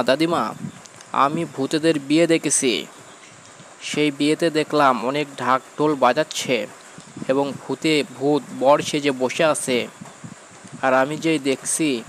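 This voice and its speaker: A man's voice: medium pitch, a bit bright, slight background noise, voice pushed up, lightly acted, rough recording. A man voicing a frightened, breathless young village boy in a cartoon story, pleading with words tumbling out.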